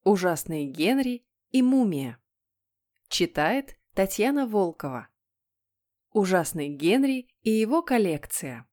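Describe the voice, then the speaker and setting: Woman, audiobook narrator, children's story, expressive, lively intonation. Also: mid-range voice, slow. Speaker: audiobook reader.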